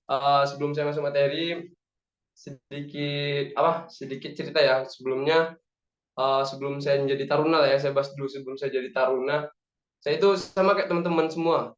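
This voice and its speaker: A man's voice: medium pitch, roomy sound, muffled recording. A man in his twenties from Padang, Indonesia, giving a casual, chatty talk as a guest speaker in an online meeting and rallying his listeners. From Padang, West Sumatra, Indonesia. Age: 20s. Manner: relaxed, chatty, rallying the audience. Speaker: guest speaker, aviation cadet.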